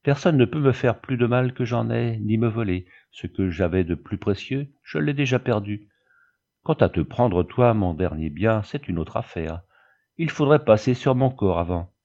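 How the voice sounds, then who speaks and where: A man's voice: fairly low pitch, a little slow, warm tone, highs cut off. A man reading the part of a grieving old peasant widow who pleads in fervent prayer. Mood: defiant.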